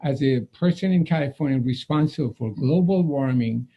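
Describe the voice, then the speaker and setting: A man's voice: medium pitch, normal speed, warm tone, lo-fi sound. A man from the audience asking questions hesitantly, searching for his words. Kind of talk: live question and answer.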